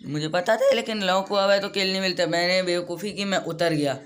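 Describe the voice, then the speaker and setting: A man's voice: sits high, quick pace, fairly bright tone. Chatty young man narrating gameplay. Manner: chatty, rambling, self-deprecating. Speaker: gaming YouTuber. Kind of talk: casual gameplay commentary.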